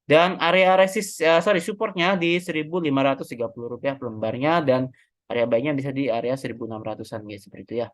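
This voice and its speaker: Seorang pria Indonesia membahas analisis teknikal saham dengan santai, sering mengoreksi angka dan memakai banyak kata pengisi. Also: male voice, mid-range voice, fast talker, no room sound. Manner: chatty, self-correcting, many fillers. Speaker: stock market analyst. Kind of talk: casual technical analysis walkthrough.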